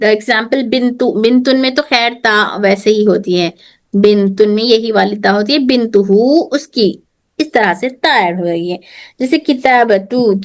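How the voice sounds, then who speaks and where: A woman teaching an online grammar class, repeating terms and often checking that students follow, mixing in English phrases. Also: on the high side. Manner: mixes Hindi with English phrases. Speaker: Arabic teacher.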